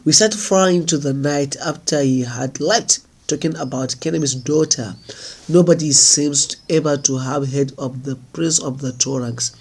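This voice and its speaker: A man reading a folk tale aloud in a measured, unhurried storytelling manner. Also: a little high, a little mellow, husky. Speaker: narrator.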